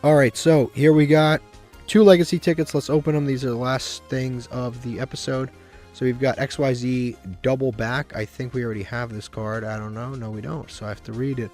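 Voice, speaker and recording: A man at an ordinary pitch talks through a card game in a flat, monotone way, his voice a little congested from a cold. He rambles, restarts sentences and corrects himself as he goes. Soft music plays quietly behind him. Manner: monotone, self-described. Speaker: gaming video host. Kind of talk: casual gameplay commentary.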